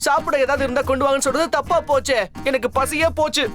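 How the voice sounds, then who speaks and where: An exasperated hungry son. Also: male voice, very high-pitched, steady tone, fast, fairly bright tone, soft background music. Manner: exasperated, complaining. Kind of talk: TV serial acting.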